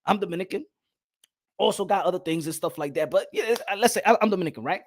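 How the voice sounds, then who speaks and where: Animated man talking boxing. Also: sits high, quick pace. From United States. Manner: animated, swings between shouting and mumbling; drops into Spanish phrases. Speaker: boxing commentator. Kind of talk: casual livestream commentary.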